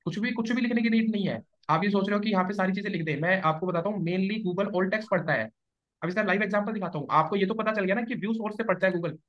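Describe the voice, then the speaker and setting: In a dull, lo-fi classroom recording, a man with a high voice and quick pace teaches SEO live, explaining as he goes and often checking whether students follow.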